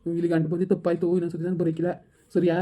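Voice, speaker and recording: Woman doing a sad village guy friend, hurt and giving up, super quick and real dark tone. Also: on the low side, completely flat delivery, lightly acted. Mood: hurt, resigned. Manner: hurt, resigned pleading. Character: sad, devoted young male village friend. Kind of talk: village family skit acting.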